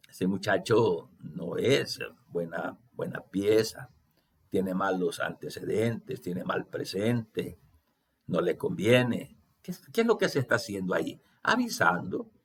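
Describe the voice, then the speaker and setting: A man's voice: fairly low pitch, fairly bright tone, breathy edge. A man pastor preaching a sermon, asking rhetorical questions and acting out quotes, often hesitating and repeating words.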